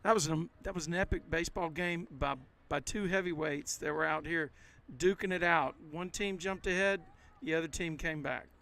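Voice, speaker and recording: A man commentating on a high school baseball game in a folksy, chatty way, retelling last night's game with lots of restarts, recorded outdoors with faint street noise behind him. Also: normal speed, vocal fry. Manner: folksy, animated storytelling with many restarts. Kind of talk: casual game-day commentary.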